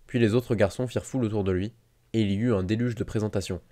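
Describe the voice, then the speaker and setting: Guy narrating a fan audiobook, low voice, steady, super dry sound. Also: fast talker, dry recording. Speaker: audiobook reader.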